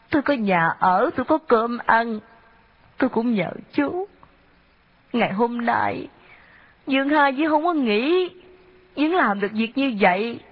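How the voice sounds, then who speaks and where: A woman reading an audiobook, voicing a humble, grieving man who speaks slowly and haltingly through tears. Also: a little high. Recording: dull lo-fi audio.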